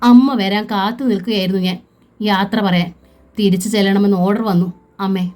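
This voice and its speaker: A woman reading as a calm young soldier son. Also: medium pitch, normal speed, natural voice. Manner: gentle, soothing reading. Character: young army doctor son, calm and teasing.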